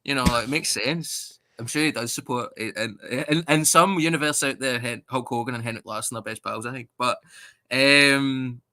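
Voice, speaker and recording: Scottish man, comedian guest, bright forceful voice, animated storyteller, swears freely. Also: mid-range voice, moderate pace. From Scotland. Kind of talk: casual podcast interview.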